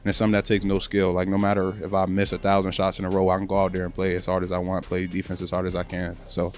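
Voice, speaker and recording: A man's voice: sits low, completely flat delivery, racing. A young man, a college basketball player, answering interview questions in a casual, slangy, earnest way. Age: young adult.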